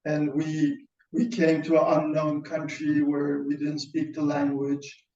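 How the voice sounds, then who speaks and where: On a video call, a webinar founder born in Iran and raised in Sweden tells his story, halting and repeating words as he goes. His voice is a little high and fairly flat. He sits far from the mic, so the sound comes across roomy and dull.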